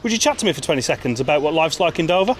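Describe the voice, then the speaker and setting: A man's voice: on the high side, sing-song, very fast. A man hosting a travel vlog, narrating and chatting with people on the street in a friendly way. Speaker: travel vlogger and host. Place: outdoors on town streets. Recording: outdoor street noise with traffic.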